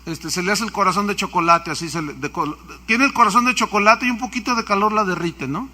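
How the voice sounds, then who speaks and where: Lively preacher, high and bright. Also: male voice, fast talker. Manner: storytelling, asking the audience questions. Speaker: pastor. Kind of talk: sermon.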